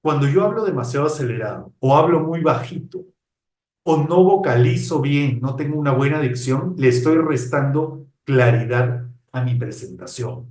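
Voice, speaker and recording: A man, a psychologist, giving a live online lecture. He speaks close to his microphone in a lively way, changing his tone and volume on purpose and calling his audience "chicos". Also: on the high side, moderate pace, reverberant, recorded from a distance. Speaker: psychologist and employability counselor giving a webinar. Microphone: close to a computer microphone.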